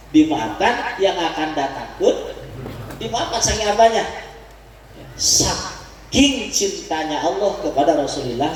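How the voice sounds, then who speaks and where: At a religious gathering in a large hall, a Sundanese-accented man with a voice on the high side preaches a religious study sermon. He chuckles frequently and leads the crowd in call-and-response, heard from a distance in an echoey recording with slight background noise.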